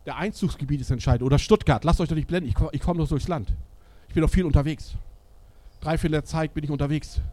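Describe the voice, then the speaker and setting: Middle-aged male preacher from northern Germany, blunt plain-speaker, fairly high voice, dry close sound. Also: no room sound. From Schleswig-Holstein, Germany. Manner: blunt, direct talk, swinging between loud emphasis and quiet asides. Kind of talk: sermon. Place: church service.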